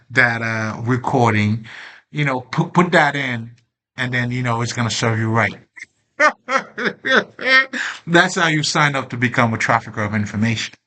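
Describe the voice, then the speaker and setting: Speaking at medium pitch in a bright, forceful tone, a male self-help host offers a casual spiritual monologue. He rambles streetwise with lots of slang and fillers, laughs often and is openly emotional.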